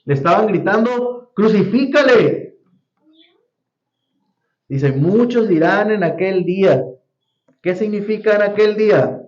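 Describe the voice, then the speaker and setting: A man's voice: sits high, expressive, moderate pace, darkish tone. A man teaching a Sunday school Bible lesson to a congregation, often quizzing the class with questions. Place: church hall. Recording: roomy, dull lo-fi church recording.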